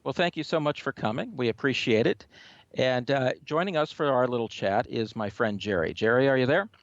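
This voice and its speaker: A man's voice: mid-range voice, lively intonation, a little fast, dry recording, dull audio. Hesitant male radio show host. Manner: hesitant, many fillers. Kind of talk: radio talk show hosting.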